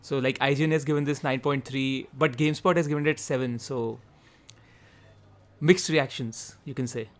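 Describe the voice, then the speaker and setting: A man hosting a gaming video, giving quick, chatty gameplay commentary and thinking aloud as he goes through the settings. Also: mid-range voice, fairly even intonation. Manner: quick talker.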